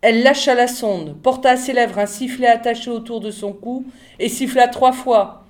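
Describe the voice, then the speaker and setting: A woman reading a novel aloud in a calm, measured narration. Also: on the high side. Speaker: audiobook reader.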